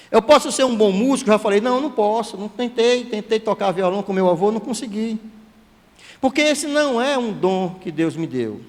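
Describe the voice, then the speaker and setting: A man, a church elder preaching a sermon in a lively, conversational way with joking asides. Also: high-pitched. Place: church hall. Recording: long hall reverb.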